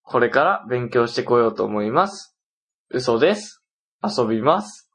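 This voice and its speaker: A man's voice: mid-range voice, big pitch swings, measured pace, slightly rough. A young man with a Kansai accent, co-hosting a casual podcast, reading listener mail and teasing his partner. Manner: teasing, laughs often, reads letters aloud. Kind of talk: casual chat.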